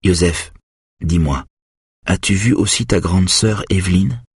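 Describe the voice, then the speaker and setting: A male narrator gives full voice to a calm male hypnotist, speaking in a very deep, husky tone that stays soft, slow and soothing. The sound is close and dry like an audiobook reading, with no room sound.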